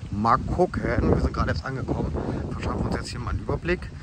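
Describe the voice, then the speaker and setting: A young man talks casually into a handheld camera while travelling, chatty and upbeat with plenty of fillers. His voice sits at an ordinary middle pitch. Heavy outdoor traffic noise runs under him the whole time. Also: fast talker. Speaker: travel vlogger. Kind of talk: casual travel vlog narration. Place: outdoors in streets, beaches and car. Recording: loud outdoor street noise.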